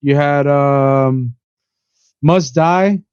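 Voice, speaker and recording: A Miami man in his twenties, an event organizer appearing as a podcast guest, rambles through his story in casual chat, peppering it with "you know" and "bro." His voice is a little high with a darkish, clean tone and an extremely slow pace. The recording has no echo but sounds muffled.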